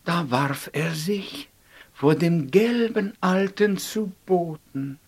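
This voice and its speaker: A storyteller narrating a fairy tale slowly and expressively, with dramatic pauses. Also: mid-range voice, slightly rough.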